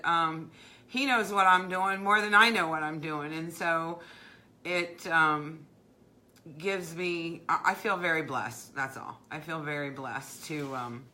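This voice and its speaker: A woman's voice: lowish voice, pushed and bright. A middle-aged woman hosting a craft livestream, talking in a heartfelt, rambling way with many fillers and restarts. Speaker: craft business owner, livestream host. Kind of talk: casual live-stream chat.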